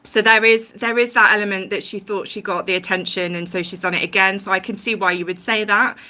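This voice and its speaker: A woman's voice: medium pitch, fairly even intonation, a little fast, pushed and bright. A woman hosting a casual livestream, talking through her views at length with many ums and restarts. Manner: rambling, many ums and restarts, self-aware about tangents. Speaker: YouTube livestream host. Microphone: home livestream mic.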